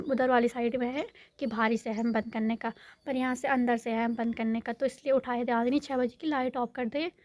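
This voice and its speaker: A woman's voice: fairly high pitch, darkish tone, dry recording. A young woman vlogging casually from her village home, rambling and correcting herself as she talks to her viewers. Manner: rambling, self-correcting, addresses viewers as guys. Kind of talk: casual chatty vlog monologue.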